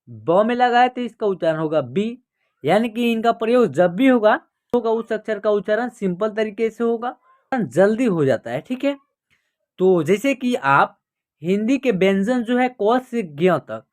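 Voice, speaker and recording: A man teaching an online reading lesson, asking himself questions, answering them, and drawing words out slowly. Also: high voice. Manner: slow, drawn-out reading of words.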